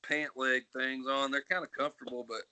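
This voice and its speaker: A man's voice: mid-range voice, little pitch movement, fairly quick, sharp tone. A man co-hosting a podcast, grumbling in a folksy, joking way in casual chat. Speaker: podcast co-host.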